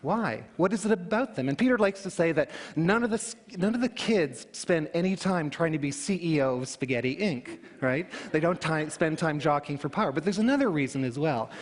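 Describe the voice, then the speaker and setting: A man giving a public talk, telling it in an animated way with emphatic rhetorical questions. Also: a little high, a little fast, few pauses. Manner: animated storytelling, emphatic question-and-answer delivery. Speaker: conference speaker. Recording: hall reverb.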